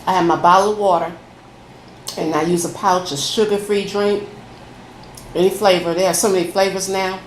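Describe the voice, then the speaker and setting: A woman's voice: on the low side, fairly even intonation, normal speed, pauses often. A woman food vlogger chatting casually to viewers over a meal in a folksy way, saying y'all. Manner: folksy, addresses listeners as y'all. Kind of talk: casual chatty mukbang, talking to viewers while eating. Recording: echoey room, faint background noise.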